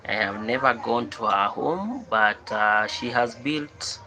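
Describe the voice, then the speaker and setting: A man's voice: medium pitch, slow, bright, forceful tone. A man from Kenya with a Kenyan accent, chatting casually to a viewer and repeating his questions over and over. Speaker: vlogger.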